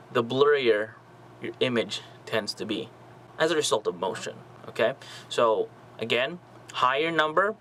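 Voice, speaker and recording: A man's voice: medium pitch, fairly bright tone, low-quality recording. A young man hosting a casual photography tutorial, explaining camera settings and checking in often with the viewer. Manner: friendly, checks in with "okay?". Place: small home studio with lights.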